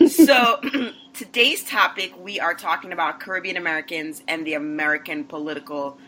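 Woman, podcast host, enthusiastic, forceful tone, faint background noise. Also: on the low side, normal speed, rough recording. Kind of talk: casual conversation.

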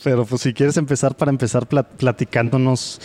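A man hosting a podcast interview in a relaxed, chummy way with casual slang. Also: medium pitch, fairly quick. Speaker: podcast host.

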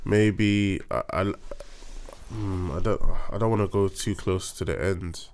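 A man's voice: low-pitched, steady tone, unhurried, darkish tone, slight background noise. A man from East London with an East London accent, chatting casually in slang-heavy roadman talk. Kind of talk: casual chat.

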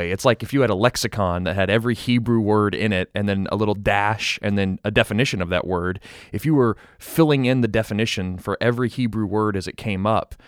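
A man with a low voice talks through a Bible passage in a relaxed podcast chat. He thinks aloud, restarts his sentences and reaches for everyday examples. The sound is dry and close, with no room echo. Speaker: podcast co-host. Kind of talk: casual Bible study chat.

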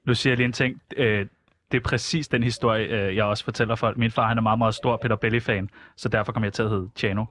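A man's voice: lowish voice, fairly even intonation, a bit bright. Joking male radio co-host. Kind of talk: playful radio banter.

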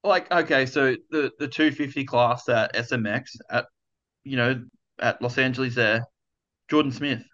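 A man's voice: medium pitch, moderate pace, a bit bright, dull audio. A man with an Australian accent, a podcast guest, talking in an enthusiastic, rambling way. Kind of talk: casual interview chat.

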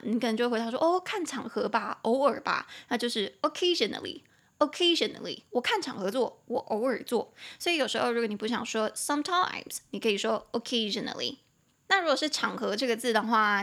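A chatty woman teacher with a Taiwanese Mandarin accent, her voice sitting a little high. She explains English words at an easy podcast pace, spelling them out letter by letter and wandering into friendly asides. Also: a bit bright. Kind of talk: casual spoken English lesson.

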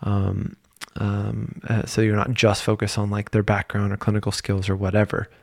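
A man's voice: fairly low pitch, completely flat delivery, moderate pace, gravelly, darkish tone, dry recording, clean studio sound. A man hosting a podcast, talking casually and thinking aloud, with frequent fillers and restarts. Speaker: podcast host.

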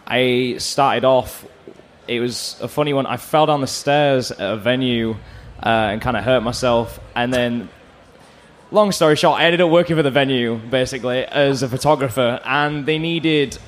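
A man's voice: medium pitch, moderate pace. A man with a Bradford, West Yorkshire accent chatting casually and slangily as a guest in a live interview. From Bradford, England. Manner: informal, slangy, sweary. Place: live stage at a music festival. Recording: clear background noise, festival stage.

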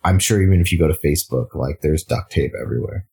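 Gravelly and bass-voiced, a fast-talking startup founder who grew up in Singapore gives a casual interview. He stays relaxed, frequently restarting and filling pauses.

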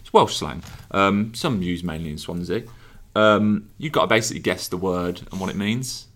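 A man's voice: low voice, moderate pace, fairly bright tone. A man with a Birmingham accent hosting a casual football podcast, running a jokey quiz. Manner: jokey quiz-master, chuckles between words. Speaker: podcast host.

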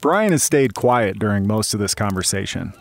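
A male reporter narrating a documentary piece in a measured, reflective way. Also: on the low side, expressive, vocal fry.

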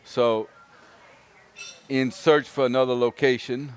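A man's voice: mid-range voice, steady tone, takes it slowly, clear, resonant tone. A man from south Louisiana, a restaurant owner and cook, talking casually in an interview, jokey and laughing often.

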